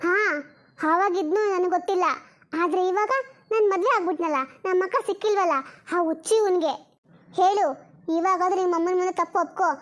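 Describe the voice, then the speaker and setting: A woman voicing a jealous, sharp-tongued young wife in an animated drama, scolding and accusing. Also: very high voice, fairly quick.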